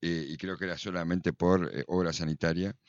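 An Argentine man hosts a radio interview with a very low voice. He asks questions in a loose, conversational way and keeps up agreeing murmurs. The recording is dry and slightly muffled. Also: flat delivery, a little fast, dry recording. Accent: Argentine Spanish. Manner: conversational, constant backchannel murmurs.

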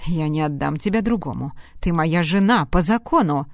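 A woman voicing a boastful, possessive male dragon in human form, speaking lower and cockier than her own voice. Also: expressive, normal speed, dry recording, clean studio sound. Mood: smug.

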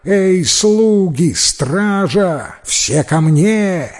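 A man voicing a clever, brave young wife in a storybook tale, lifting his voice higher and speaking emphatically. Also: a little slow, slightly rough, long reverb tail. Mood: commanding. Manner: raised pitch, lively and emphatic. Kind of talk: storybook reading.

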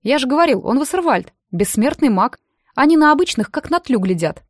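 A woman voicing a chatty, pushy young male student who confides gossip in a hushed tone, in an audiobook. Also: sits high, big pitch swings, a little fast, dry recording, studio quality, pitched above the performer's own voice.

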